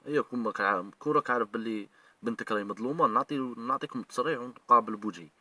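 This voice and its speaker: In a heated video rant, an online commentator with an Algerian Arabic accent emotionally scolds the people he means, addressing them directly. His mid-range voice races with a sharp tone and sounds far from the mic.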